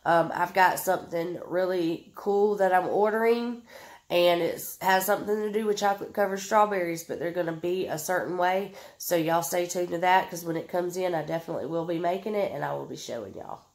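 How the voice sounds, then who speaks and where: A woman's voice: on the low side, fairly quick. A woman in her thirties with a Southern US accent, stuffed up and sniffling, chatting casually to camera as she answers viewers' questions. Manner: chatty, drawling, many ums, reads comments aloud.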